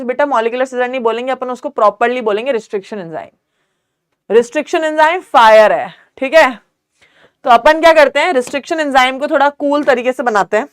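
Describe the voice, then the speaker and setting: A young woman teaching biology in a live online class, mixing English terms into Hindi, quizzing students and asking whether it is clear. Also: sits high. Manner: calls students "beta", quizzes them, asks if it's clear.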